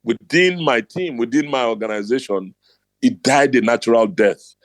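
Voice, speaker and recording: A man's voice: mid-range voice, moderate pace, no room sound. A middle-aged man with a Nigerian accent, hosting a motivational talk and telling his stories bluntly and emphatically. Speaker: host.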